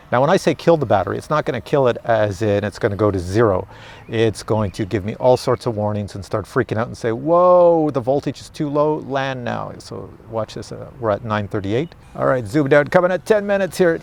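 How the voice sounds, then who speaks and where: A man chatting casually to viewers outdoors while he flies and reviews a drone. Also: medium pitch. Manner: chatty, excitable, talks to viewers. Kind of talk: casual live commentary while flying.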